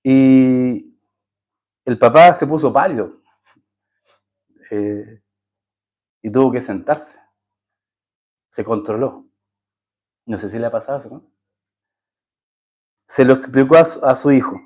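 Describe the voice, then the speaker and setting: A man's voice: mid-range voice, slow, long pauses, darkish tone. A man preaching a sermon as a pastor, telling a story, acting out the voices in it and putting questions to the congregation. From Chile. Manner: asks the congregation rhetorical questions.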